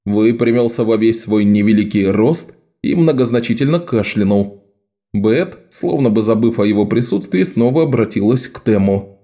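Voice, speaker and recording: A man narrating an audiobook with even, expressive storytelling. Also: fairly low pitch, moderate pace.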